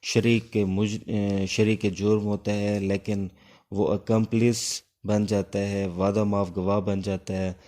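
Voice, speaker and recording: Taking it slowly, a Pakistani man with a fairly low, level, warm voice delivers an instructive law lecture geared toward exams. Alternating between English and Urdu, he explains, dictates, and repeats the main points.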